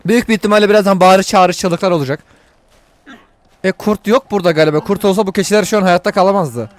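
Excitable high-voiced man playing a game. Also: fast talker. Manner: excitable, crude joking and swearing; talks to viewers while playing. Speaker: gaming video host. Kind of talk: let's play commentary.

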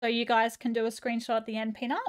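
Reading chat aloud and greeting viewers, this high-voiced live streamer is bubbly and casual, gushing over messages. She talks fast with a completely flat delivery, and her voice is turning slightly hoarse.

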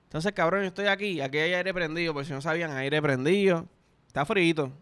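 A man's voice: a little high, brisk, fairly bright tone, clear, resonant tone. A young man with a Puerto Rican accent, telling loose, profane stories in casual podcast chat. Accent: Puerto Rican Spanish. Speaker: podcast host.

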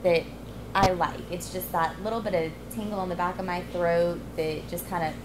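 A woman's voice: lowish voice, fairly even intonation, moderate pace, noisy background. A young woman chatting casually about a cigar's flavors in a lounge, thoughtful and descriptive. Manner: thoughtful, descriptive, a few restarts. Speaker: cigar reviewer. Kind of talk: casual cigar review chat. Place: cigar lounge, indoors, leather chairs.

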